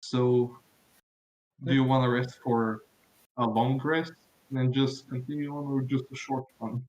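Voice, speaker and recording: A man playing in a tabletop game, talking in a halting, sheepish way and joking about himself. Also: mid-range voice, level tone, a little mellow, muffled recording. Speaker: player. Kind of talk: casual tabletop game chat.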